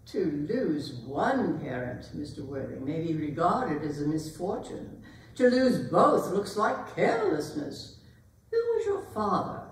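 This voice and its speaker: A woman's voice: on the low side, sing-song, unhurried. A woman playing a haughty, imperious older aristocratic lady in a staged period comedy reading, pompous and emphatically disapproving. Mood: incredulous. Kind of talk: theatrical readers' theatre performance of a period comedy. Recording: echoey hall, distant microphone.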